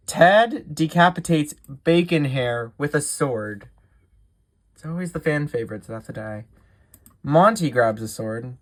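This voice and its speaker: A video creator casually reading out a game simulator's events, adding chatty, giggly asides and stumbling over words. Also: mid-range voice.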